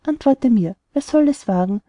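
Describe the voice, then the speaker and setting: A woman's voice: on the high side, lively intonation, normal speed, warm tone, no echo. A woman voicing a worried, skeptical mother in an audiobook, reading rhymed verse earnestly.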